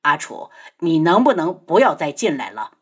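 A woman's voice: slow, fairly bright tone, husky, heavily acted. A woman voicing a stern young man, a prince who speaks coldly and curtly. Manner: cold, clipped and lowered. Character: stern young male prince, cold and protective.

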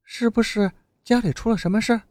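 A man reading an audiobook and voicing an earnest, idealistic young woman student with quick, questioning lines. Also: sits high, very animated, mellow, no echo, voice pushed up. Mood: earnest, puzzled. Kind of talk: audiobook character voice.

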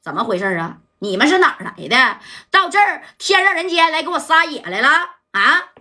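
Woman playing a gruff club boss. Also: sits high, sing-song, fairly quick, bright, forceful tone, voice pushed up, heavily acted. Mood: commanding. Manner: gruff, commanding. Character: tough nightclub owner, commanding and contemptuous.

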